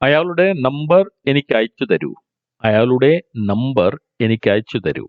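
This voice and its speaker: A man gives a spoken English lesson, explaining points and then saying each practice sentence very slowly and distinctly. His voice is mid-pitched, and it sounds narrow and phone-like, with no room echo at all. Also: very animated. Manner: slow deliberate model sentences between explanations. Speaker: English teacher.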